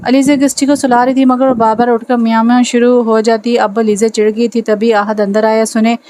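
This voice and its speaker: Woman narrating a novel in a flat voice. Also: on the high side, brisk, low-quality recording. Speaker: novel reader. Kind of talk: reading a romance novel aloud.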